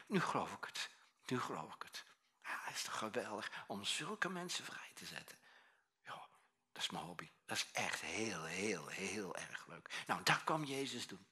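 A man preaching a sermon as pastor, telling stories with lively acted-out voices. He swings from hushed near-whispers to loud exclamations. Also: fairly low pitch, slightly rough. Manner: animated storytelling, acts out voices, swings from hushed to shouting.

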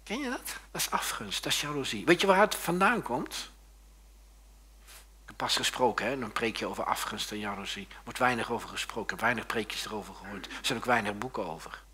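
A male preacher delivers a sermon, his pitch swinging widely as he jokes and keeps turning to the congregation with quick tag questions. His voice is husky yet forceful. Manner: lively and joking, often tags questions to the congregation. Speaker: pastor.

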